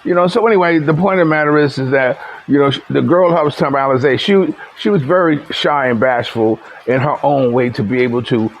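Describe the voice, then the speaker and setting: Gravelly man rambling through a story. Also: medium pitch, fast talker, few pauses, rough recording. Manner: rambling, many fillers and restarts, laughs at own stories. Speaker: vlogger. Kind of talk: casual storytelling monologue. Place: living in the Philippines.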